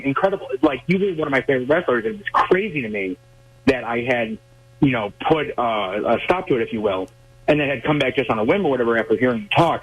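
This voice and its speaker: Male caller, husky voice, effusive rambling fan. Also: mid-range voice, fairly bright tone, low-quality recording. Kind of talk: call-in radio.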